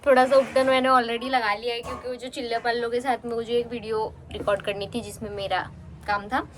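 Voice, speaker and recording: A young woman chatting fast in a casual home vlog, talking into a handheld phone. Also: on the high side, little pitch movement, a little hiss or hum. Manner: chatty, mixes in English words. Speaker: vlogger. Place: at home, indoors and on a terrace.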